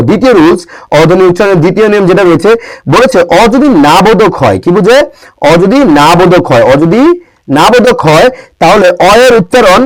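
A young male teacher from Bangladesh runs an exam-prep grammar lesson in a fairly high voice. He keeps asking his students questions and answers them himself. He says each example word slowly, more than once. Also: no room sound, low-quality recording. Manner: drills pronunciation with constant rhetorical questions; repeats words slowly for emphasis.

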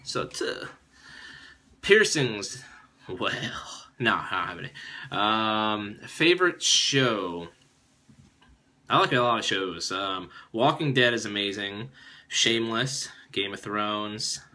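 A man's voice: fairly low pitch, lively intonation, slow pace, bright, forceful tone. A young man casually vlogging, answering personal questions in a goofy, chatty, self-mocking way. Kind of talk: casual vlog Q&A.

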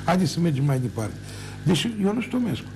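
A man's voice: a little high, very animated, background noise. An older man, a former mayor, ranting emphatically on his own TV show, repeating words for force. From Romania. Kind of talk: heated televised monologue.

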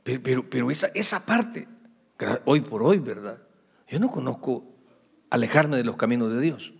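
A man's voice: mid-range voice, expressive, moderate pace, creaky, breathy edge, in a large hall. A middle-aged man, a pastor preaching a sermon in a conversational way with humorous asides to the congregation. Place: church sanctuary.

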